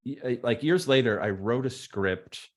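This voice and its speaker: A man's voice: mid-range voice, moderate pace. A man being interviewed who tells laid-back, wry stories about his career in a casual way, with many restarts and fillers. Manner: rambling with frequent restarts and fillers. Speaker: guest. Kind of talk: casual anecdotal storytelling.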